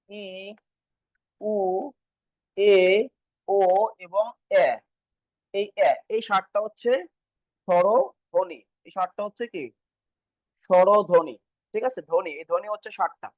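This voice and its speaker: A man's voice: sits high, no echo, rough recording. A man teaching an exam-prep grammar lesson, repeating key points and asking questions he then answers himself. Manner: repetitive, quizzing students and answering himself.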